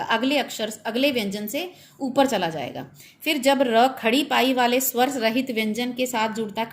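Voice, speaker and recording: An Indian woman teacher walks a class through a lesson step by step, slipping English words into her explanations. Her voice sits a little high, and faint background noise runs under the recording. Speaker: school Hindi teacher.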